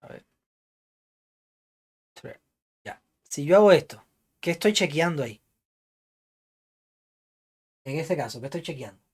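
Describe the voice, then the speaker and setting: A man's voice: on the high side, expressive, measured pace, pauses often, husky. Man lecturing a programming class. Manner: keeps checking understanding with "¿ya?" and "¿entiendes?"; thinks aloud, hedging what he recalls.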